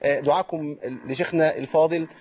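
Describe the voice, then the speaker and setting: Brisk Egyptian sheikh teaching recitation. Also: male voice, a little high, fairly even intonation, a little mellow, muffled recording, a little hiss or hum. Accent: Egyptian Arabic. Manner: explains step by step, checks in with listeners. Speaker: Quran recitation teacher and host. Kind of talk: call-in tajweed lesson.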